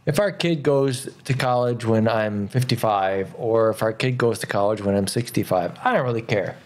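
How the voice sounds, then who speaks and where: A man's voice: fairly low pitch, normal speed. A man chatting casually, blunt and agreeable, swearing now and then. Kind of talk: casual chat.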